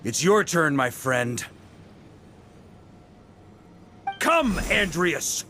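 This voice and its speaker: A man's voice: on the high side, very animated, slow, pushed and bright, slight background noise, exaggerated voice. A man playing a seasoned, laid-back and confident knight grandmaster in a video game. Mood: commanding.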